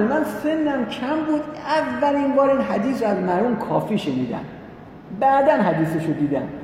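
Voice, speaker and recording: A man preaching a sermon, telling a religious story in an animated way and voicing the people in it. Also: extremely high pitch. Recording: echoey hall with long reverb, faint noise.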